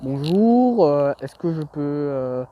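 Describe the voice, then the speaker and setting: A man's voice: on the high side, expressive, takes it slowly, highs cut off. A young man telling anecdotes in a rambling, slangy, self-mocking vlog, full of hesitations. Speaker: vlogger. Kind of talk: casual storytelling vlog.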